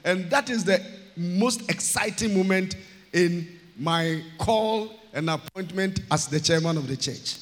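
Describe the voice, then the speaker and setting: A Ghanaian man, chairman of a church, preaching a sermon with emphatic, drawn-out phrases that rise to shouts. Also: sits high. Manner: emphatic, rising to shouts, stretching words slowly. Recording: long hall reverb.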